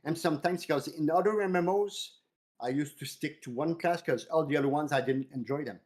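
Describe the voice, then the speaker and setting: Male co-host, measured and sincere, casual chat delivery. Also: fairly high pitch, darkish tone. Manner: earnest, measured, restarts phrases.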